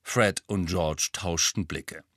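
A man reading a storybook aloud as narrator, expressive and animated. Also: low voice, takes it slowly, no echo, clean studio sound. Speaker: audiobook narrator.

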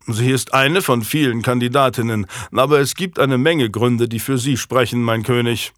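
A man voicing a stern, cautious nobleman who counsels the king in an audiobook, speaking in a grave, measured way. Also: medium pitch, fairly bright tone, no room sound, clean studio sound, natural voice. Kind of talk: audiobook character voice.

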